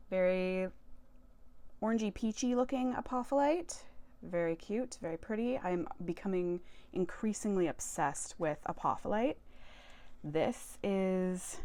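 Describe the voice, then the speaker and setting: Give me a woman with a low voice talking slowly through a crystal haul, chatty and enthusiastic. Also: darkish tone. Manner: chatty, enthusiastic, trails off and corrects herself. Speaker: tarot and crystal vlogger. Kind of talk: casual show-and-tell haul.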